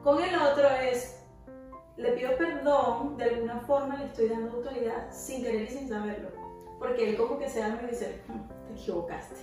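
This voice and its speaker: A middle-aged woman chatting casually as co-host, animated and acting out quotes. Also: fairly high pitch, moderate pace. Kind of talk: casual chat. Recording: echoey room, far from mic, with music.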